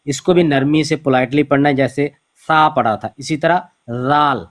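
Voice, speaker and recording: A man teaching Quran recitation over an online call, speaking slowly and patiently and repeating each letter sound to demonstrate it. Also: a little high. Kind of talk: online pronunciation lesson.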